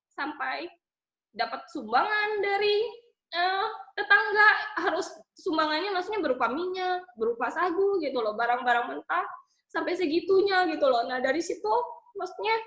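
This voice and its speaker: A woman's voice: high voice, fairly quick, a bit bright, roomy sound, poor audio. A woman in her twenties from Bangka, Indonesia, telling her life story with emotion and many fillers. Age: 20s. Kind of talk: personal testimony talk.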